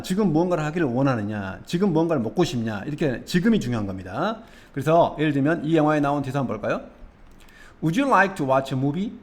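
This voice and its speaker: A man leading a calm English lesson with a fairly high voice that climbs and dips a lot. He explains each phrase patiently, step by step, and keeps putting questions to the listener. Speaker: English teacher. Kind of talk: explaining English expressions from film scenes.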